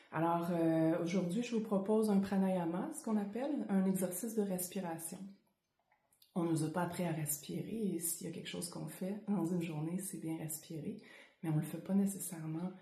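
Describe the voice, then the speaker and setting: A woman with a Quebec French accent speaks in a soft-edged, mellow and fairly low voice, with a roomy echo around it. She teaches breathing exercises informally, pausing often as she finds her words. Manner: hesitant, unscripted delivery with frequent pauses. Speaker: Kundalini yoga teacher. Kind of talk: informal guided breathing lesson to camera. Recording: roomy, echoing indoor sound.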